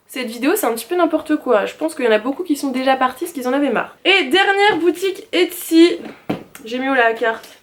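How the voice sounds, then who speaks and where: A woman's voice: sits high, a little hiss or hum. A young woman from France showing off craft purchases in a casual, chatty, self-mocking way, with sighs and fillers. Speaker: craft vlogger. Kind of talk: casual haul video.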